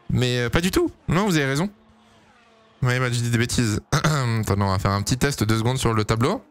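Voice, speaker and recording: A young man giving casual, excitable live commentary on a race for his stream, pleading and cheering as it unfolds. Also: mid-range voice, clear, resonant tone. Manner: excitable, pleading, swings to shouting at big moments.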